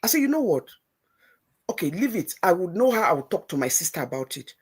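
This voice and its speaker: A woman's voice: lowish voice, very animated, a little fast, breathy edge. A middle-aged woman with a Nigerian Pidgin-tinged English accent, hosting and telling a story animatedly, voicing her own past lines in quotes. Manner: retells conversations in quoted speech, emphatic and motherly. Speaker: show host.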